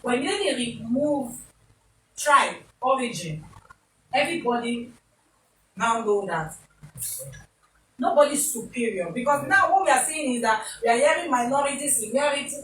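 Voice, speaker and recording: A woman's voice: sits high, expressive, normal speed, pauses often, fairly bright tone, echoey room, distant mic, a little hiss or hum, poor audio. A Nigerian woman hosting a talk show in a casual, opinionated way, slipping into Pidgin turns of phrase. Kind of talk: casual studio interview.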